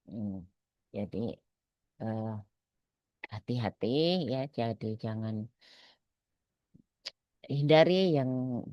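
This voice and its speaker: A woman's voice: rumbling low, no echo. Woman lecturing on a dull lo-fi recording. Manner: conversational, checks in with listeners often, hesitant pauses. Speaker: trainer. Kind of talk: spoken training lecture.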